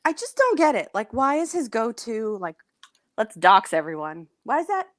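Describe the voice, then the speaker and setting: A woman talks casually with a friend, her voice sitting a little high and swinging widely in pitch. She speaks in quick, animated bursts and laughs often. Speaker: co-host of a chat video. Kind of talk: casual chat.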